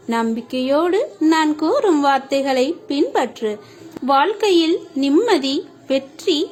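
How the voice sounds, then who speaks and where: High-voiced woman reading devotional messages. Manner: steady, reassuring second-person address. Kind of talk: scripted devotional narration.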